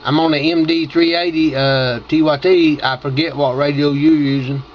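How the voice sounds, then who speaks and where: Casual, slightly high-voiced man on ham radio. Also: fairly even intonation, moderate pace. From Tennessee, United States. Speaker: amateur radio operator and video host. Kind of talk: casual ham radio chat and video commentary. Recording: dull audio with faint noise.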